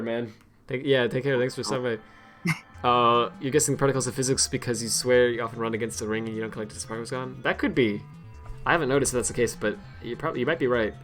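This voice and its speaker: A man's voice: medium pitch, fairly bright tone. Rambling, self-mocking male streamer. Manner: rambling and self-deprecating, laughs often. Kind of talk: casual live-stream chat.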